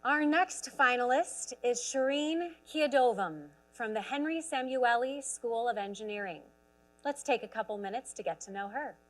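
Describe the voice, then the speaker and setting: Woman host, supportive interviewer, a touch high in pitch. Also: moderate pace, poor audio. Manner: encouraging, affirming interviewer. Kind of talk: event hosting and interviewing.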